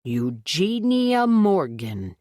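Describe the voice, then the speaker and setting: A woman's voice: on the low side, very animated, very slow, darkish tone, no echo, clean studio sound, voice pushed up, exaggerated voice. A woman narrator voicing a kindly, polite middle-aged male gun shop clerk in an audiobook. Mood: friendly. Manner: polite, helpful.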